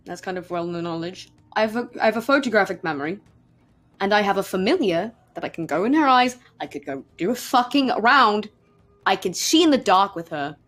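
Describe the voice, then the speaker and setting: A woman's voice: medium pitch, animated, brisk, a bit bright, faint music behind. A woman playing a tabletop game, chatting casually.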